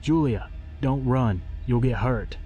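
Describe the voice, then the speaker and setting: A man's voice: medium pitch, measured pace, dark tone, muffled recording, voice pushed up, close to an everyday voice. A man voicing an exasperated young aunt in a horror story, coaxing and scolding her niece. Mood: stern, annoyed. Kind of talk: acted dialogue in horror story narration. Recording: music behind the voice.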